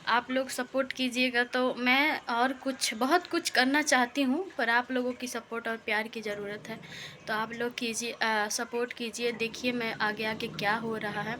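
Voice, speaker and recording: Slow-spoken young woman vlogging from home. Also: a little high, fairly even intonation, sharp tone, a little hiss or hum. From India. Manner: slow, deliberate, pausing often. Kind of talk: casual home vlog narration. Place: home, indoors.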